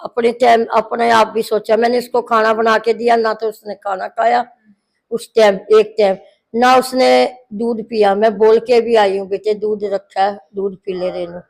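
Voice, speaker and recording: A woman's voice: on the high side, level tone, unhurried, creaky, a little mellow, poor audio. Middle-aged woman retelling a family quarrel. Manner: long narration full of quoted dialogue. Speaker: interviewee, mother-in-law.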